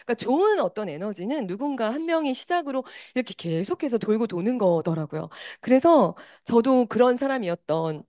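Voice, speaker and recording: A woman giving an animated motivational talk, speaking directly to her audience on a microphone. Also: mid-range voice, no room sound.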